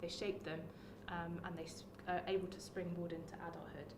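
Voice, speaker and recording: Heard from a distance in a roomy, noisy workshop room, a woman speaks briskly in a lowish, level voice. A former teacher turned music therapist and early years music practitioner, she gives a friendly presentation to the room, full of "um"s.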